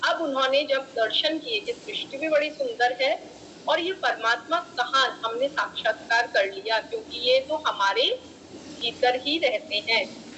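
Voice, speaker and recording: A woman's voice: high-pitched, unhurried, bright, forceful tone, dull audio, slight background noise. A woman teaching an online class, explaining scripture and chanting Sanskrit verses, with English terms mixed in. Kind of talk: online lecture.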